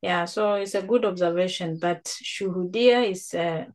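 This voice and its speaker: Slow-spoken patient woman Swahili teacher. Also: on the low side, a little mellow. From Tanzania. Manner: patient, coaxing, affirming with frequent mm-hmm. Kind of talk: one-on-one language lesson.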